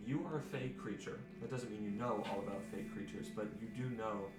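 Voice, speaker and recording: A low-pitched man narrates a tabletop game as game master, building descriptions piece by piece with pauses. The room is echoey, and music plays clearly behind him. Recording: roomy echo with music behind.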